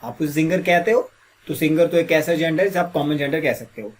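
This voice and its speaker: A man gives a classroom lesson on English grammar, quizzing listeners with repeated questions. His voice is fairly high and brisk, and a slightly sore throat has him clearing it often.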